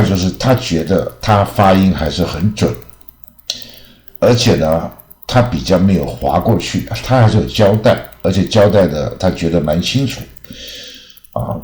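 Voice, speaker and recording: A male teacher giving a casual spoken lesson, rambling and tacking a drawn-out "ah" onto most phrases. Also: lowish voice, darkish tone. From Taiwan. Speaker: English teacher. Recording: echoey room.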